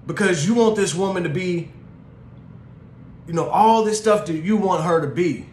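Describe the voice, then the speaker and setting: A man's voice: sits high, normal speed, darkish tone. A young man with a slightly raised voice speaks earnestly and casually, filling his talk with "man" and "you know". The room has a noticeable echo, and a faint hum of ambience sits underneath. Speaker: podcast host. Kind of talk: casual monologue on relationships.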